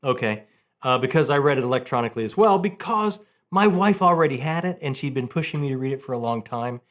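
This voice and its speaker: This middle-aged man runs a book review channel and talks fast, his medium-pitched, fairly bright voice full of lively intonation. He chats casually and enthusiastically, repeating phrases for emphasis.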